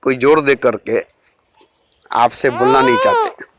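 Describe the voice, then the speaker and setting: A man giving an informal spiritual talk at home in a measured way, repeating key phrases for emphasis. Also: medium pitch, huge pitch swings, heavy background noise. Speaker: spiritual teacher.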